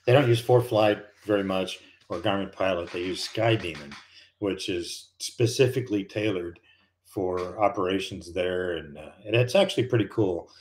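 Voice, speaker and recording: Rambling through a casual live stream full of fillers and restarts, the host is an older retired pilot from the United States. He speaks in a low-pitched voice at a moderate pace.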